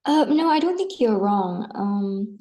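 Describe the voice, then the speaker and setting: A woman's voice: medium pitch, sing-song, slow pace, dark tone. A woman from Singapore, a guest on an interview podcast, speaking in a friendly, casual way with fillers like "like" and "you know". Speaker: guest, art publisher. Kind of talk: conversational interview.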